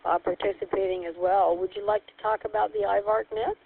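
A woman's voice: medium pitch, fairly even intonation, a little fast, creaky. A woman hosting a radio net, working through call signs in a cheerful, formal radio manner, heard over a two-way walkie-talkie. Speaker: radio net control host. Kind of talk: running on-air radio check-ins. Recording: tinny narrow radio channel with faint hiss.

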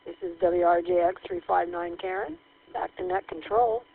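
A woman's voice: lowish voice, moderate pace, breathy edge, no echo, phone-quality sound. A woman radio operator giving a friendly, inviting announcement over a two-way radio transmission with static.

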